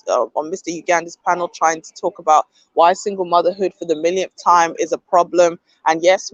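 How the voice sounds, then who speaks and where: A woman's voice: lowish voice, no room sound. Woman podcaster ranting on a livestream, pushy "okay?" after points, muffled dry mic. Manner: opinionated, emphatic, often adds "okay?". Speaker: podcast host. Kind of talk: livestream commentary, reading chat comments.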